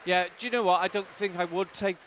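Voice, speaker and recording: A man's voice: high-pitched, fairly even intonation, fast, a loud crowd. A man giving casual color commentary on an ice hockey game, agreeable and loosely phrased, saying yeah often. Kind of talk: casual live analysis.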